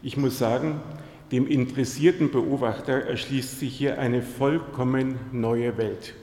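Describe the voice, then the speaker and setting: A man's voice: medium pitch, fairly even intonation, unhurried, mellow. Man preaching in an echoey hall. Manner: storytelling, addresses the congregation directly. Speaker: pastor. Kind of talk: sermon.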